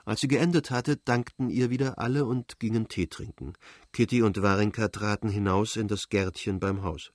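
A man narrating an audiobook in a measured, even reading voice. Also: on the low side, no room sound, studio quality. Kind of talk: scripted narration.

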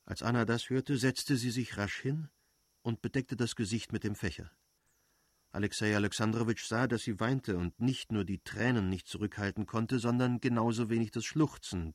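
A man narrating a classic novel as an audiobook, even and unhurried. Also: mid-range voice, no room sound. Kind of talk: literary audiobook reading.

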